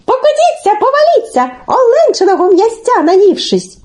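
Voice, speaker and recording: Woman doing a little boy hero, high and pleading. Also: sing-song, moderate pace, a little mellow. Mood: taunting. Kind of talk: audio fairy tale reading.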